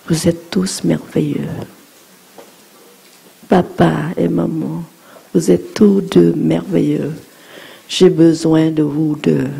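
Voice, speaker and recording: Woman interpreting a kids' dharma talk, gentle, dark gravelly voice, walks them thru breathing. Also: low-pitched. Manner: slow, gentle, guides breathing exercises. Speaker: interpreter of a teaching for children.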